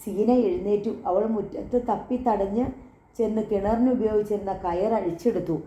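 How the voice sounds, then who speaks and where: A woman's voice: mid-range voice, fairly even intonation, normal speed, dark tone, reverberant. A woman reading a dramatic novel aloud as an audiobook narrator, telling the story earnestly and voicing the characters' dialogue.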